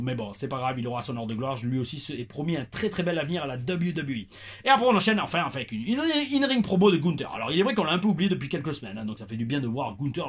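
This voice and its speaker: A husky-voiced man from France hosts a casual wrestling review. He talks in an animated way, with playful asides and quick jokes. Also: a little high. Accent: French. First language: French.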